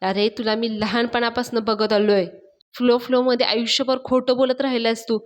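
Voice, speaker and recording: A woman's voice: fairly high pitch, normal speed, big-room sound, close to an everyday voice. A woman voicing an angry young man who scolds and accuses a friend of lying. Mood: scolding.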